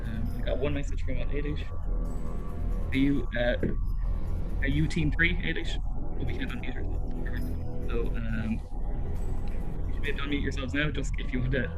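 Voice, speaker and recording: A man's voice: mid-range voice, steady tone, normal speed, pauses often, over loud music. A man casually moderating an online quiz as its organiser, with an apologetic, hesitant way of talking.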